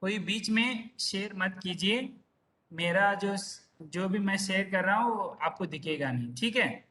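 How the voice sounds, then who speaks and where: A man's voice: high-pitched, animated, measured pace, bright, forceful tone. A man teaching an online class in a patient, repetitive way, drawing out syllables and checking in often. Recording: voice far from the mic.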